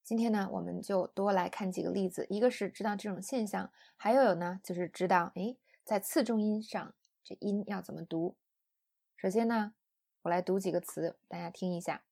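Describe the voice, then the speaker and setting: A woman's voice: medium pitch, moderate pace, creaky, warm tone. A woman teaching English pronunciation in an audio lesson, explaining patiently.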